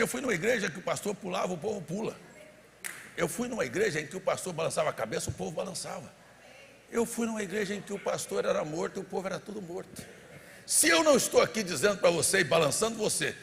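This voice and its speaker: High, gravelly Brazilian pastor preaching in a hall. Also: male voice. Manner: swings from low murmurs to shouted exhortation. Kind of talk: fiery sermon. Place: large church hall. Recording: live church hall with crowd and reverb.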